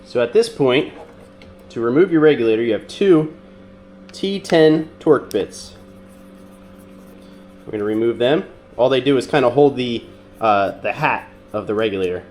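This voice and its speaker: A man with a nasal, congested voice from being sick, calmly walking through a repair step by step with frequent ums and uhs. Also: mid-range voice, normal speed, pauses often, a little hiss or hum. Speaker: mechanic demonstrating a repair. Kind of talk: casual how-to demonstration.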